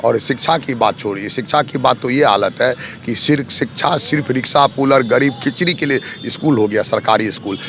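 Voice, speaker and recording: Man, local candidate, forceful, accusatory, mid pitch, faint street noise. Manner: forceful, accusatory, repetitive lists. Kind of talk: outdoor interview answers.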